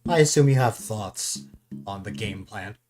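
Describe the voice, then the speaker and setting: Young male streamer, hesitant and low. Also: animated, unhurried, darkish tone. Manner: hesitant, with many ums. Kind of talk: casual voice chat. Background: music.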